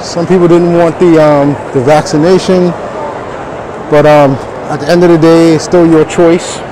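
A man's voice: fairly high pitch, steady tone, normal speed. A man talking casually through a face mask in laid-back slang, hosting a walk-around vlog. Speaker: vlog host. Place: large busy indoor convention hall, walking. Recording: noisy, crowded convention floor. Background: crowd chatter and hall noise.

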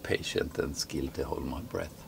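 A man's voice: extremely low pitch, unhurried, gravelly, a little hiss or hum. A middle-aged man from Sweden, Swedish-speaking, chatting casually in English on a sailboat deck, hesitant with many fillers. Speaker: sailing vlogger. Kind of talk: casual chat. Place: outdoors on a sailboat deck in an anchorage.

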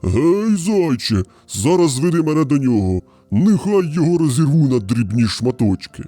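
A man's voice: a little high, big pitch swings, mellow, no echo. A man voicing a huge, hungry, furious bear in a children's fairy tale, roaring and dragging out his words. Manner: roaring, drawn-out growling delivery. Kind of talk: storybook character voice.

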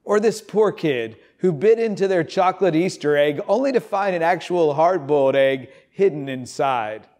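A man in his fifties, a pastor, preaching and reading scripture in an animated storytelling way, in an empty church. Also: on the high side. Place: empty church sanctuary, indoors.

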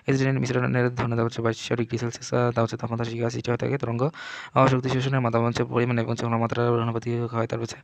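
A man teaching chemistry in a fast exam revision lecture, rattling through points one after another with the same connective phrase between items. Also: mid-range voice, monotone, gravelly, dry recording. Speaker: chemistry tutor.

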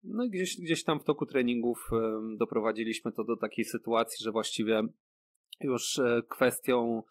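A man's voice: medium pitch, steady tone, moderate pace. A man, a rapper guest on a podcast, explaining things at length in casual talk with many fillers and tag questions. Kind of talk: casual interview chat.

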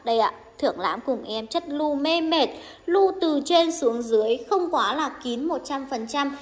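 A young woman showing off a wood carving in an eager, persuasive sales pitch, filmed on a handheld phone. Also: lively intonation, moderate pace, in a large hall. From northern Vietnam. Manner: eager, persuasive, addresses viewers directly. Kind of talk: product showcase sales pitch. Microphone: handheld phone camera.

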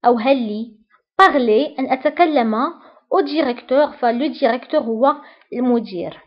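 A woman giving a language lesson, explaining briefly and then repeating each phrase with careful, deliberate enunciation. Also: high-pitched. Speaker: French teacher. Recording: dull lo-fi recording.

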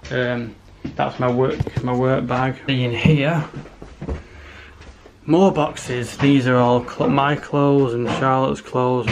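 A man in his thirties vlogging in a casual, rambling, matter-of-fact way as he walks through a house, recorded on a handheld camera. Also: medium pitch. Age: 30s. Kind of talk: casual walkthrough chat to camera. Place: rooms of a house, indoors. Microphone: camera held at arm's length. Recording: handheld camera with clear background noise.

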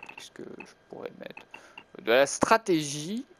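A man's voice: on the high side, expressive, slow, a bit bright, slight background noise. A young man musing through gameplay commentary as a gaming YouTuber, hesitant and chuckling to himself. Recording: music playing behind.

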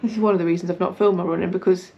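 A woman's voice: lowish voice, fairly even intonation, rapid-fire, muffled recording. A young British woman chatting casually to her vlog in a colloquial, self-deprecating way. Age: young adult. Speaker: running vlogger. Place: indoors in a house hallway. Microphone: camera at arm's length or propped nearby.

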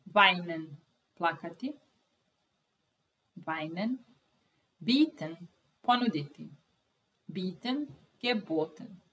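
Slow woman teacher drilling vocabulary. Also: on the low side, expressive, fairly bright tone, distant mic, rough recording. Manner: says each German word, its Serbian translation, then the German word again. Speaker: language teacher.

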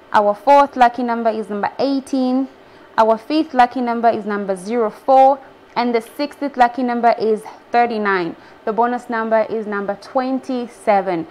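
A young woman with a Zambian accent presenting a live lottery draw as host, announcing and repeating numbers deliberately. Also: on the high side, a little mellow. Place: large TV studio, indoors. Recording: clearly noisy studio ambience.

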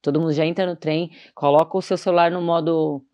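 Soft-spoken lower-voiced woman. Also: fairly even intonation, fast. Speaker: podcast guest. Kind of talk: casual chat.

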